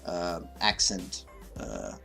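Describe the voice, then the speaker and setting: Extremely slow yet very animated, this deep, creaky voice has a sharp tone, with faint music behind it. The man, a livestream host whose first language is Russian, speaks English with a mixed, slightly Russian accent in a casual, hesitant monologue packed with fillers and false starts.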